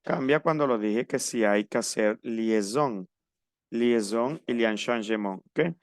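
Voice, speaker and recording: A man's voice: medium pitch, a little slow, no room sound, studio quality. A man teaching a French class to Spanish speakers, explaining patiently and spelling out pronunciation. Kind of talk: online class instruction.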